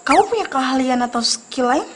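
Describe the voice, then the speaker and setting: An actress playing a dismissive, businesslike office recruiter in a TV film. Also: female voice, sits high, lively intonation, moderate pace, over music. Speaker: office hiring staffer. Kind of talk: scripted TV film acting.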